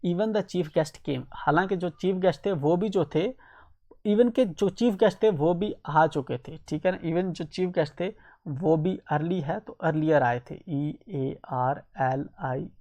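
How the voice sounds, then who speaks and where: A male teacher explaining an English textbook lesson in Hindi, who spells words out letter by letter, keeps adding "ठीक है ना", and reads English lines slowly before explaining them quickly. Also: high voice, warm tone. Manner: repeats "ठीक है ना" as a filler.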